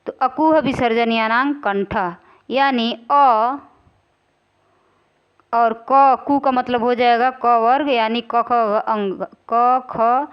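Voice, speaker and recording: A woman teacher works through exam questions, stretching out key terms and repeating them. She keeps asking rhetorical questions to check that her students follow. Her voice is smooth and rather high, and the audio is slightly dull. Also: steady tone. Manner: explains slowly, repeating and drawing out key words. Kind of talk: exam-prep grammar lesson.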